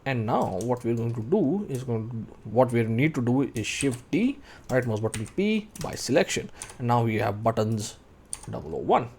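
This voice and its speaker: A man in his thirties with a medium-pitched, sing-song, slightly mellow voice teaches 3D modeling at a moderate pace. Thinking aloud, he calls out keyboard shortcuts in this screen-recorded software tutorial, which carries a little hiss or hum.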